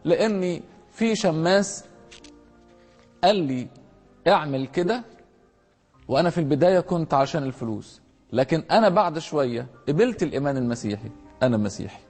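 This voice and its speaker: A man with an Egyptian accent voicing a young male singer turned steadfast martyr, calm and resolute. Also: fairly high pitch, a little fast, pauses often. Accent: Egyptian Arabic. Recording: long hall reverb, faint music.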